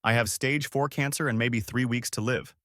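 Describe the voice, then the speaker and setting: A man's voice: medium pitch, steady tone, normal speed, fairly bright tone, no echo, studio quality, lightly acted. A man voicing a frail dying mother who pleads through tears, in a storybook reading. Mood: pleading. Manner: pleading, breaking with emotion. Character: dying young mother, weak and tearful.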